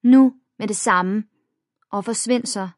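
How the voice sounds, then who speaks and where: A woman voicing a bold, cheerful school kid friend in a read-aloud storybook, raised in pitch and volume. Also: no room sound, studio quality, close to an everyday voice. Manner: commanding, upbeat.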